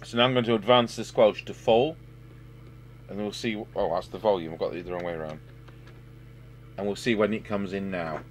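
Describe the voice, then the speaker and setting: A lowish-voiced man talks a little fast but leaves long pauses as he thinks aloud through a repair. He's a radio repair technician and host at an indoor electronics workbench, unscripted, recorded amid hum and radio hiss.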